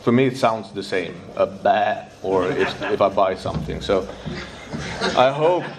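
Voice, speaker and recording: Nervously searching for English words, a man from Sweden with a Swedish accent and Swedish as his first language describes his recovery at a meeting. His pitch is fairly low, and a crowd is audible in the background.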